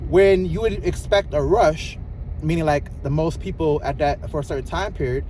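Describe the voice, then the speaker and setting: Lisping man, higher-pitched, over traffic noise. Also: moderate pace, mellow, poor audio. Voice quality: lisp. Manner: loose, colloquial, repeats phrases for emphasis. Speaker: vlogger. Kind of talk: casual motivational vlog talk. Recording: clear vehicle and outdoor noise.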